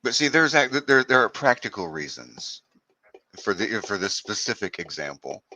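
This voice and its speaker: A man's voice: lowish voice, big pitch swings, normal speed, pushed and bright, a little hiss or hum, poor audio. An American man chatting casually on a video call, explaining at length and often restarting his sentences. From United States. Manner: explanatory, stumbles over restarts. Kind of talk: casual chat.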